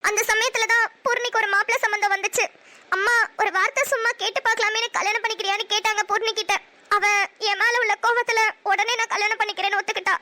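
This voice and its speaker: A woman's voice: very high-pitched, fairly even intonation, sharp tone. A woman with a Namakkal Tamil accent, narrating and voicing a cartoon story with emotional, scolding delivery. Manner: emotional, scolding, fast-talking. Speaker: voice artist and narrator.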